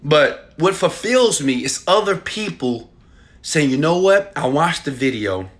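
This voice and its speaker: Very animated and a little slow, a man pushes an insistent, emphatic motivational sales pitch directly at the viewer, in the manner of an online marketer.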